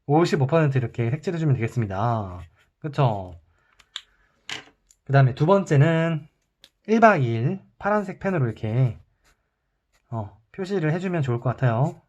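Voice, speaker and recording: Male teacher, mid-pitch voice, calm step-by-step math lesson, slightly dull lo-fi recording. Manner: calm, explains step by step while drawing.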